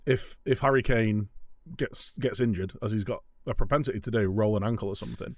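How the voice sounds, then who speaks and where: A man's voice: fairly low pitch, brisk, no room sound, studio quality. A young man co-hosting a casual football podcast, laughing often and slipping into mock quotes. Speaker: podcast co-host.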